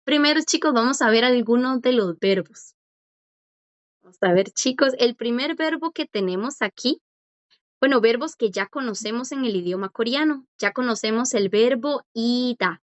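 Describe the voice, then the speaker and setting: A woman's voice: fairly high pitch, normal speed, no room sound. A woman teaching a language class, patient and encouraging as she quizzes students and praises their answers. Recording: dull lo-fi dry audio.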